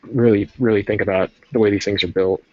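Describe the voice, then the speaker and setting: Chatty low-voiced man on a stream. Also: fairly even intonation, fairly quick, no echo. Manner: rambling, chatty, self-interrupting. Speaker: livestream host painting a 3D model. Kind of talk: casual livestream chat. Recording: dull lo-fi stream audio.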